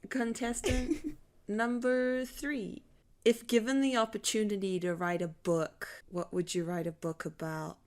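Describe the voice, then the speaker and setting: A woman's voice: medium pitch, steady tone, measured pace. A woman playing an improv game-show round, asking the contestants playful questions.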